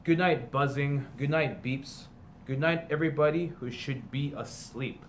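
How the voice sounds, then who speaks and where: Reading aloud from a children's book in a teacherly way, a man alternates emphatic, sing-song delivery with casual asides explaining things to students. He speaks a little slowly in a mid-range voice over clear background noise.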